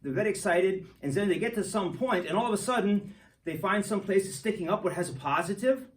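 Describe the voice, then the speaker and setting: A man's voice: sits high, fast talker, recorded from a distance, poor audio. A man hosting a goofy hands-on science demo for kids, joking and rambling with lots of restarts. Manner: playful, jokey, rambling with restarts. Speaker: science show host.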